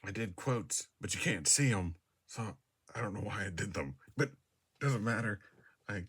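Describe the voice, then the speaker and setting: A man's voice: fairly low pitch, expressive, moderate pace, fairly bright tone, husky. A man talking casually to his device camera in a room, rambling and hesitant with many fillers and restarts, often laughing at himself. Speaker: vlogger. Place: a room indoors. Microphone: device camera mic.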